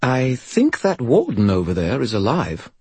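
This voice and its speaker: A man voicing a cheeky, smug spirit that lives in a skull, perky and quick in an audiobook reading. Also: medium pitch, huge pitch swings, darkish tone, husky, dry recording, pitched above the performer's own voice, full character voice. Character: chatty, smug male spirit living in a skull.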